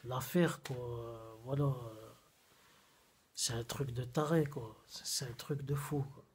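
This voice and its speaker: A man's voice: mid-range voice, fairly even intonation, slow pace, husky. A man in his thirties rambling in a casual food-review vlog. He talks in slang and keeps repeating himself, filmed on a phone. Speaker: vlogger. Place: small room at home, then a busy fast-food restaurant. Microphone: phone camera at arm's length, then propped on a table.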